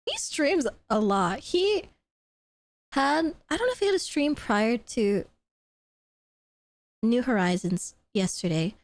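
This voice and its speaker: A woman streamer chats with her audience in a high, bouncy voice that swoops up and down as she gushes. Her laughs break into squeals, and she swears casually. The sound is dry and close. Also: slow pace, pauses often, no room sound. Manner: excitable and gushing, squealing laughs, swears freely. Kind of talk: casual chat.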